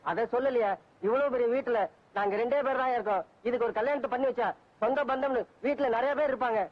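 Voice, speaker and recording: An actor playing a rich, sentimental old former wrestler who talks in a self-pitying, comic way, from an old film soundtrack. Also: male voice, very high voice, quick pace, muffled recording. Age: older.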